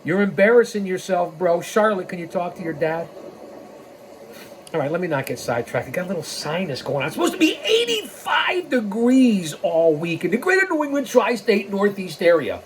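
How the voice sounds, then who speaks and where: This podcast host, an American man in his sixties, alternates reading with emphatic, sidetracking commentary addressed directly at people. His voice sits high and swings widely in pitch at normal speed. A little hiss or hum is audible.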